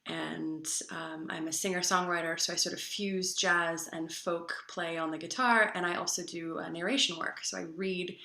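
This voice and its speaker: Bright-voiced woman guest in a roomy space. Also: lowish voice, fairly even intonation, normal speed, hardly any pauses. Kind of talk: casual video-call interview.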